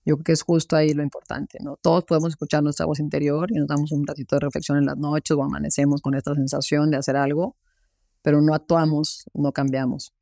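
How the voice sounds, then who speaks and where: Man, podcast guest, earnest and reflective, gravelly and flat, fairly high for a man. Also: fast, no room sound, clean studio sound. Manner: earnest, many fillers like "este" and "¿no?". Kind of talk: reflective interview talk.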